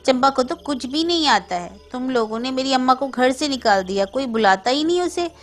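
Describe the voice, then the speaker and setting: A woman's voice: sits high, animated, moderate pace, faint music behind. A woman voicing a small boy grieving for his dead mother, pleading and insistent.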